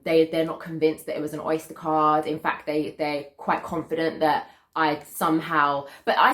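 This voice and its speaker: Low-voiced British woman, emphatic storyteller. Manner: emphatic, indignant, repeats points for stress. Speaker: vlogger telling a personal story. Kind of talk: casual storytime monologue. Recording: roomy echo.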